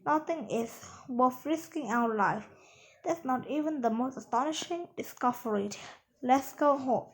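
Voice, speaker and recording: A woman's voice: high voice, unhurried, low-quality recording. A woman reading the lines of an older male professor in a storybook, hearty and encouraging. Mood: heartfelt.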